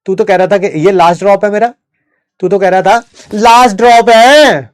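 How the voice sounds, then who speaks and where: A man's voice: medium pitch, steady tone, a little mellow, natural voice. A man acting out a stern father who nags and threatens his teenage son over skipped studies. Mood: angry. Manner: scolding, threatening, rapid nagging.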